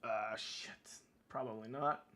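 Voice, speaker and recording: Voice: mid-range voice, steady tone, measured pace, a bit bright. A streamer from Switzerland, chatting casually and thinking aloud while playing, joking and swearing as they guess. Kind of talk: casual gaming stream chat.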